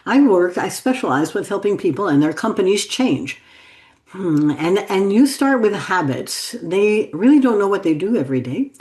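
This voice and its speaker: A woman hosts an interview podcast, and her voice has a medium pitch. She talks with enthusiasm and affirms her guest warmly. The sound is roomy and echoey. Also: very animated, moderate pace. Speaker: podcast host. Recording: roomy echo.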